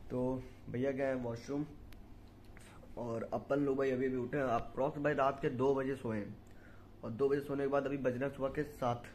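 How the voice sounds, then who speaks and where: This is a young man's medium-pitched voice, recorded with a little hiss or hum on a phone held at arm's length. He's a travel vlogger chatting casually and informally to viewers, slang and all.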